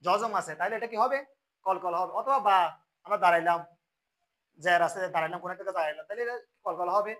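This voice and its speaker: A man teaching correct Quran recitation. He goes letter by letter, asks questions and answers them himself, and recites examples slowly. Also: high-pitched, a bit bright, rough recording. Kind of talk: tajweed lesson with recited examples.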